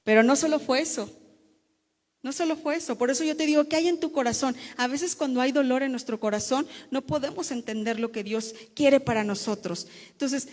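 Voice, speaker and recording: A fairly high-voiced woman tells her testimony to a church congregation. She speaks emotionally, repeating and restarting words as she goes. Her voice carries a long reverb, like a church hall. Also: darkish tone. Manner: emotional storytelling with repetitions and restarts. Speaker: pastor's wife giving testimony.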